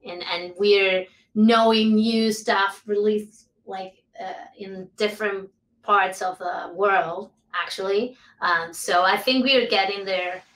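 A woman's voice: mid-range voice, steady tone, slow, fairly bright tone. Hesitant woman presenter, mic far off. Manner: hesitant, many fillers. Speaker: research presenter. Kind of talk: panel discussion.

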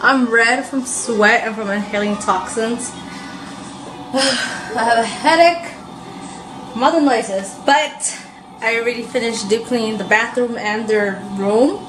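A woman's voice: on the high side, slow pace, noisy background. A young woman chatting casually to the camera at home in a day-in-the-life vlog, rambling with lots of fillers and sounding tired. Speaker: vlogger. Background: soft background music.

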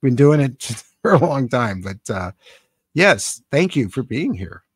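The voice is medium-pitched, sing-song, and slightly rough, with no echo: an American man in his seventies from San Francisco in Northern California. He hosts a relaxed live stream, reading and answering comments in a rambling, halting way, sitting close to a boom-arm mic with headphones in a small, cluttered home studio.

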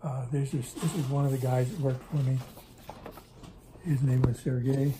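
An older man talks at a normal speed in a steady, medium-pitched voice, with background noise in the recording. He's the interviewee in a casual chat at his kitchen table at home, telling rambling, self-correcting stories about his business in Russia, captured by a camera on the table in front of him.

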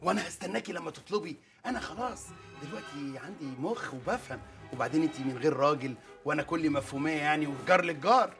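A man's voice: fairly high pitch, animated, rapid-fire, over music. An actor playing a pushy, flirtatious male neighbor with an Egyptian accent, teasing in folksy street talk in a TV comedy. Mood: cheeky. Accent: Egyptian Arabic. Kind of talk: TV comedy series acting.

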